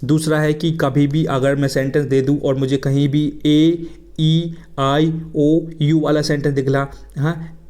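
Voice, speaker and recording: A man's voice: a little high, flat delivery, normal speed, dark tone. A man teaching English in a casual video lesson, talking in a chatty way to his viewers as friends and mixing in English phrases with an Indian English accent.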